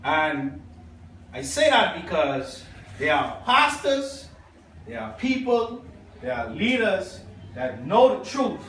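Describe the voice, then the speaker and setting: A Bahamian pastor preaching, reading out quotations and checking in with his listeners. His voice sits high. He is heard from far off in a big, echoing church hall with a faint hiss underneath. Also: sing-song, takes it slowly, fairly bright tone. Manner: preaching, reading quotations aloud, asking the congregation. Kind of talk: sermon.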